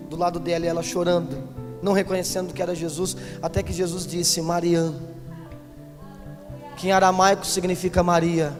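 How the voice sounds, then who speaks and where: A pastor preaching a sermon in church, moving from quiet teaching to impassioned shouting. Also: male voice, high-pitched. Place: large church. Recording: live church recording with long hall reverb and music.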